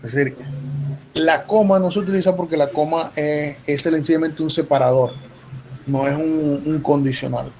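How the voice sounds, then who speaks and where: A man's voice: on the high side, fairly even intonation, moderate pace, darkish tone, a little hiss or hum. A male professor explaining set theory patiently in an online class, often checking in with his students. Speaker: math professor. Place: video call meeting.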